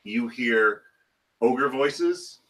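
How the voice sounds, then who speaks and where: A man narrating a live tabletop game as game master, in halting, conversational storytelling mixed with banter. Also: mid-range voice, expressive, a bit bright, distant mic.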